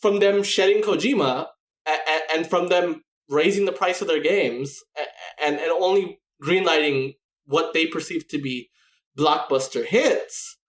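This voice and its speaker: A man's voice: a little high, unhurried, roomy sound. A man co-hosting a casual gaming podcast, rambling through his points with many restarts and "you know"s. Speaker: podcast co-host.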